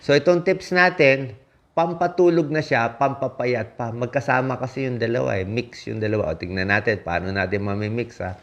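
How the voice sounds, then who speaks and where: Medium-pitched and steady, a man from the Philippines talks at normal speed as a doctor offering health advice. He's casual and emphatic, listing points punchily and often checking in with a "di ba?"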